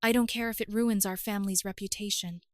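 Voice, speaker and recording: A woman's voice: mid-range voice, fairly even intonation, fast, no room sound, close to an everyday voice. A woman voicing a firm, protective uncle who talks bluntly, in a dry recording.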